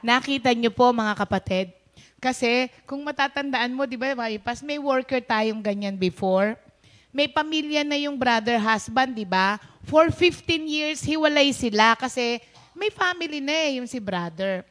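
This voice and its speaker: Woman host, high pitch, storytelling testimony, Taglish, acts out dialogue. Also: expressive, normal speed, a bit bright. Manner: storytelling, mixes English into Tagalog, acts out quoted speech. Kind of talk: personal testimony told to viewers.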